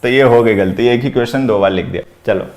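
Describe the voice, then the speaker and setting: A man teaching an exam-prep grammar lesson, explaining step by step, repeating key points and slowing down to dictate example sentences. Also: mid-range voice, darkish tone.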